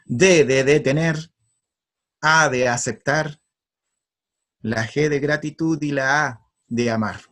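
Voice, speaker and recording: A man's voice: mid-range voice, fairly even intonation, slow, long pauses, a bit bright. A man giving an earnest, emphatic spiritual talk. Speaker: spiritual speaker.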